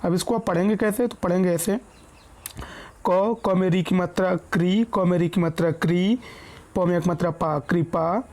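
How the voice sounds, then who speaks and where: A woman teaching a reading lesson, slowly spelling out words syllable by syllable in a patient way. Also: fairly low pitch, steady tone, a little mellow. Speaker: Hindi teacher.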